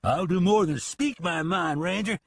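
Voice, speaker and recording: A man voicing a burly, drunken former army sergeant who shouts and blusters, in an audiobook reading. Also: high voice, normal speed, slightly rough, no echo, pitched above the performer's own voice. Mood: drunken, angry.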